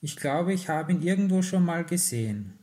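A man's voice: on the high side, expressive, normal speed, a little mellow, voice pushed up, close to an everyday voice. A man voicing a startled, flustered teenage girl in a read-aloud story.

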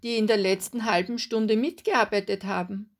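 A woman's voice: mid-range voice, fairly even intonation, natural voice. Woman reading as a harried fish-stall woman. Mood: flustered. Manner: flustered, hurried.

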